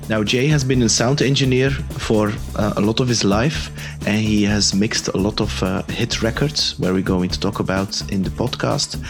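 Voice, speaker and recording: A man from Europe hosting a podcast interview in a casual, halting way with frequent restarts. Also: lowish voice. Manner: halting, restarts and hesitant phrasing. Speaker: podcast host.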